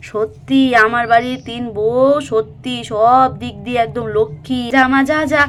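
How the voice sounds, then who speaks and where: Casting: woman doing an older matriarch for a doll story, soothing and motherly, fairly high voice. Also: fairly even intonation, moderate pace, fairly bright tone, soft background music, lightly acted. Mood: consoling. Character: elderly mother-in-law, caring matriarch.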